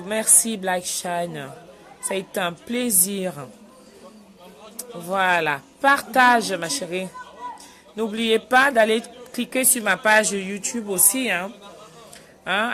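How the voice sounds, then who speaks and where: A middle-aged woman from Cameroon chats on a casual live stream. She greets viewers by name in a lively way and talks at an easy pace. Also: medium pitch, slow, a faint crowd. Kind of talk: casual live chat reading viewer comments.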